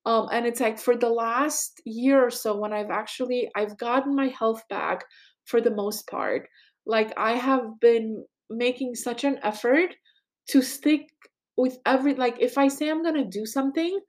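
Middle-aged female podcast host, casual chatty delivery with filler words, slightly high pitch. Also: a little slow. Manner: chatty, many fillers and "right?" asides. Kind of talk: casual personal monologue.

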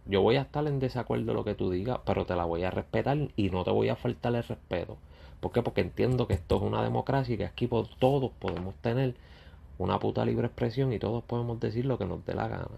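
Gravelly man ranting at critics. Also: lowish voice, fairly quick, darkish tone. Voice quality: gravelly, husky. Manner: blunt, confrontational, addresses critics directly. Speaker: YouTuber. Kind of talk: ranting vlog monologue.

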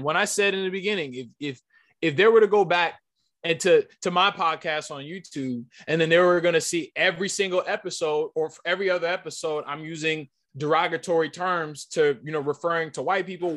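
A man's voice: high-pitched, a bit bright. A man hosting a podcast, arguing his point insistently and emphatically, often repeating himself. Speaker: podcast host. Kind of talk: heated podcast debate.

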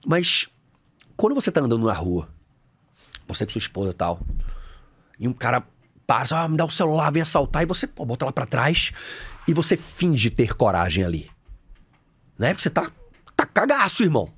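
A man with a Brazilian Portuguese accent, a coach chatting on a podcast, animated and slangy, acting out little scenes. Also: medium pitch, normal speed, long pauses, slightly rough. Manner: animated, acts out scenes with shouted quotes, slangy. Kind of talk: casual podcast conversation.

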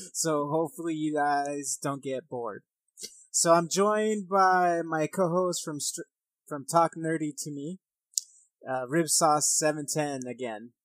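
A thirty-year-old man hosts a podcast from his own setup on a headset mic, chatting casually and reading accounts aloud in an informal, self-deprecating way. His voice sits a little high, with fairly even intonation and a slow pace, and there's no room sound.

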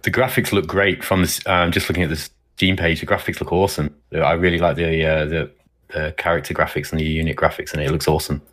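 A man's voice: very deep voice, level tone, fast talker, fairly bright tone. A man co-hosting a podcast, talking casually with hesitant ums and repeats. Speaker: podcast co-host. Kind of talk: casual chat.

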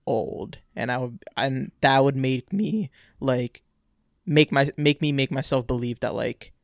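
A man's voice: mid-range voice, a little slow, creaky, no echo, studio quality. Rambling young man podcast co-host. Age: 20s. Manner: casual, rambling, repeats words. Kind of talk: casual chat.

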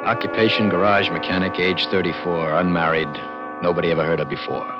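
A man's voice: low-pitched, steady tone, fairly quick, natural voice. An actor playing an intense, plain-spoken garage mechanic in his thirties, narrating a vintage radio drama in a slangy, urgent, confiding way. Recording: muffled old radio recording with music.

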